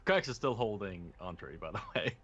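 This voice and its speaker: A man's voice: sits low, animated, normal speed, a bit bright, breathy edge, dull audio. A man playing a tabletop game, talking casually with the other players.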